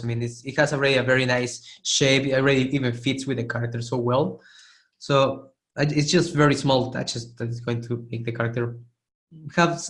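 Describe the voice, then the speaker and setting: Hoarse and losing his voice, this man with a mid-range voice teaches a live online art webinar, critiquing 3D sculpts and repeatedly clearing his throat. His feedback is casual and encouraging, and he restarts phrases often while demonstrating.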